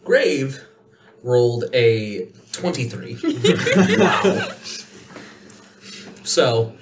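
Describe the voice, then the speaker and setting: A man's voice: mid-range voice, wildly swooping pitch, distant mic, very noisy. A man narrating as game master in a tabletop game, talking loosely with fillers. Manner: loose, halting delivery with fillers.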